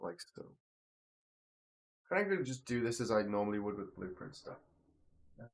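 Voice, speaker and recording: A man's voice: on the low side, big pitch swings, normal speed, gravelly. A man live-streaming his coding session, thinking aloud in a self-deprecating way, his voice slightly worn, speaking into a desk microphone at his computer. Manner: self-deprecating, muttering to himself while working. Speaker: game developer streamer.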